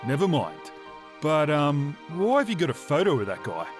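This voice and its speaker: Laconic wanderer, lively pitch. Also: male voice, normal speed, music in the background. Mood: guarded, casual. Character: laconic, cautious male wasteland wanderer.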